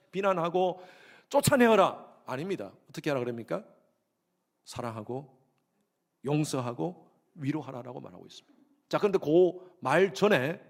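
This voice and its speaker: A middle-aged man preaching a Sunday sermon as pastor, emphatic, repeating key phrases and asking the congregation questions. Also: medium pitch. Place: church sanctuary.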